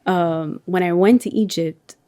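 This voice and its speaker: A woman's voice: lowish voice, unhurried, mellow. A woman in her twenties from Canada, hosting a podcast in casual conversation, chatty and full of fillers. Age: 20s. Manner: chatty, fills with "like" constantly. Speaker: podcast host.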